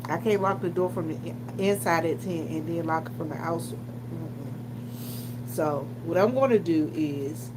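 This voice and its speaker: In a room full of loud humming, a low-voiced woman from Washington, D.C. spins casual stories for her viewers at a measured pace. The vlogger and gas station worker speaks colloquially and with animation, playing out other people's remarks.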